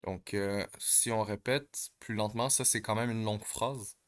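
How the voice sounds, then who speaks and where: A man talks through his practice exercises at an unhurried, drawn-out pace. His voice sits a bit low, and he stops often to search for words, filling the gaps with hesitations. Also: fairly even intonation. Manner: hesitant, many pauses and fillers. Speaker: language learner explaining exercises. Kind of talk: casual step-by-step explanation.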